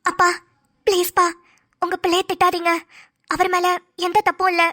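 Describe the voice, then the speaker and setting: A shy young bride in a cartoon begs softly and politely, voiced by a woman. Her voice sits very high and bright. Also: monotone, normal speed. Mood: pleading. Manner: soft, polite, pleading. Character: gentle blind young bride, pleading and timid. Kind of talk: cartoon voice acting.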